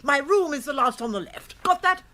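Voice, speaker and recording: An actress playing a brisk, boisterous upper-class English aunt in a comic radio drama, with an imperious, theatrical manner. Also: female voice, high-pitched, expressive, bright, forceful tone. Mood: bossy.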